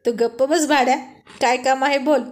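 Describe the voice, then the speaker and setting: A woman's voice: high-pitched, fairly even intonation, normal speed, lightly acted. A woman reading the lines of a playful young married man who banters and mock-scolds his friends. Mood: teasing.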